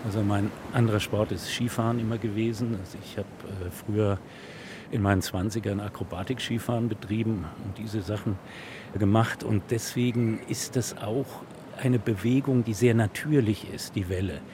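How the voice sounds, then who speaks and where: An older man being interviewed, speaking in a relaxed and slightly halting way. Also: on the low side. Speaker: interviewee, surfer. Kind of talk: casual interview talk. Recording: outdoor recording with traffic noise.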